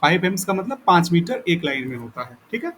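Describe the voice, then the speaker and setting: A man teaching a recorded lesson, explaining step by step and repeating points, reading definitions aloud slowly. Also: on the high side, very animated, a bit bright, a little hiss or hum. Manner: explains slowly in Hindi, reads English definitions aloud haltingly with pauses. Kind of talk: recorded lecture.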